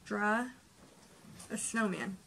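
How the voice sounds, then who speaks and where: A woman's voice: medium pitch, steady tone, extremely slow, vocal fry, bright, forceful tone, slight background noise, rough recording. A woman in her twenties chatting casually as co-host of a home challenge video, recorded by a camera across a table. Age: 20s. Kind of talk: casual chat. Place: small home room, indoors.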